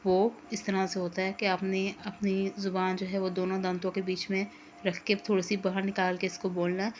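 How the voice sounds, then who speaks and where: A woman teaches Arabic letters in an online lesson. She repeats each sound slowly and patiently in a flat, level voice. A faint hiss of noise sits behind her. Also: mid-range voice. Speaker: Quran teacher.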